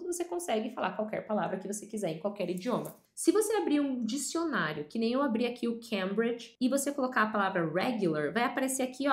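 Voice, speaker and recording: A woman with a Brazilian Portuguese accent explains a language point in a video lesson, speaking patiently and clearly and drawing out example words slowly. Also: a little high, a little mellow. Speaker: English teacher. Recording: roomy echo.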